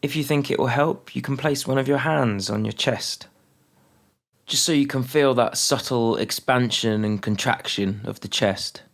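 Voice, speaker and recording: Speaking with a gravelly, medium-pitched voice, this man leads listeners through mindfulness meditation. His pace is slow and calm, with long silences separating each phrase.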